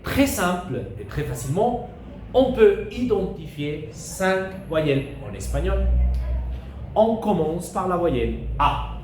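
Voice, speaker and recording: Man, teacher, high voice, slow and careful, echoey room, faint hiss. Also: sing-song, darkish tone. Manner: slow, careful, repeats vowels for pupils to echo. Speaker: Spanish teacher. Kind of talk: beginner language lesson.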